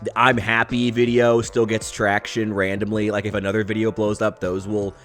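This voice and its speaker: A thirty-year-old man talks to the camera in a loose, meandering vlog, low in pitch and blunt about his frustrations. He curses casually and laughs at himself between tangents. Soft music plays faintly underneath. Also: little pitch movement, moderate pace. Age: 30s. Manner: candid, rambling, profane, self-deprecating. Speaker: YouTuber.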